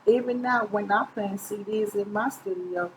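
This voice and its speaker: The recording is low quality, with a little hiss or hum, as a middle-aged woman of medium pitch reads a children's picture book at a moderate pace. Sitting close to the camera in a small room, she narrates casually, now and then stumbling and fixing her words.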